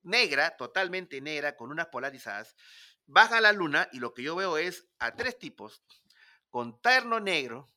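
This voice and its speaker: A Peruvian man recounts an adventure in casual conversation and acts out each exchange as he goes. His voice is bright and sharp, and his pitch swings widely. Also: normal speed. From Peru. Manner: animated, dramatic storytelling with acted-out dialogue. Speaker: guest storyteller. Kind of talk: casual storytelling interview.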